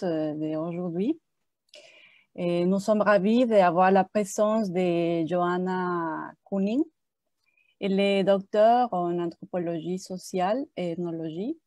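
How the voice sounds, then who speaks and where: A woman moderator introduces the day's speakers at a slow, halting pace, stopping often to search for words. Her voice is low and mellow, with a dry, close sound from a video call. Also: no echo. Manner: hesitant, many pauses and fillers. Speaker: seminar moderator.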